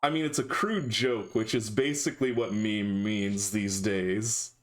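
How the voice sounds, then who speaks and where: A man's voice: on the low side, steady tone, measured pace. Dry, sarcastic male streamer. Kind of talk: casual live-stream chat.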